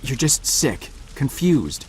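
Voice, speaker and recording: A man's voice: mid-range voice, very animated, slow. An actor playing a confused male janitor who cannot believe what he hears, in adventure game voice acting. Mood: disbelieving. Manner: confused, incredulous questions. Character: bewildered male janitor, disbelieving.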